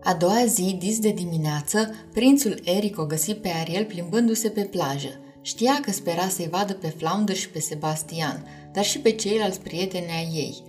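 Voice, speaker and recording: A woman reading a children's storybook aloud in an expressive, measured way. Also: lowish voice. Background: faint music.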